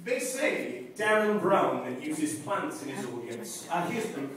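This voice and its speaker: Male stand-up comic, high bouncy pitch, unhurried puns, roomy distant hall sound with a roaring crowd. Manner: deadpan one-liners and puns, chuckling at his own jokes. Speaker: stand-up comedian. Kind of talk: stand-up comedy set. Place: church hall with a live audience. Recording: echoey hall from far off, loud audience laughter. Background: audience laughing.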